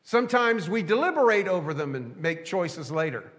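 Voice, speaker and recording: High-voiced preacher in a reverberant sanctuary. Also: male voice, sing-song, fairly bright tone. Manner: folksy storytelling, drawn-out rhetorical pauses. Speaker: pastor. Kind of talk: sermon. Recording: long reverb of a church sanctuary.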